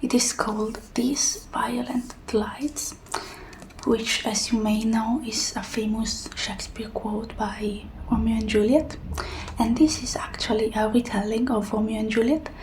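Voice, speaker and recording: A woman in a whispered role-play as a helpful librarian, speaking in a hushed, breathy whisper. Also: on the high side, fairly even intonation, measured pace, a little hiss or hum, rough recording. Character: helpful soft-spoken female librarian suggesting books.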